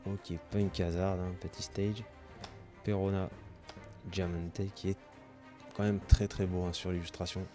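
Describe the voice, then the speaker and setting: A man's voice: low-pitched, little pitch movement, measured pace, long pauses, music in the background. A man hosting his own channel, opening trading card packs in casual commentary, reading off card names and gushing with delight over his pulls.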